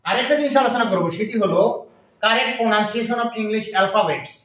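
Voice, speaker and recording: Guy teaching english, slow drills, super echoey room, sounds far from the mic. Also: high voice, fairly bright tone. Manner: slow, repeats each sound for the class to echo back. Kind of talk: classroom teaching with call-and-response drills. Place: classroom with students.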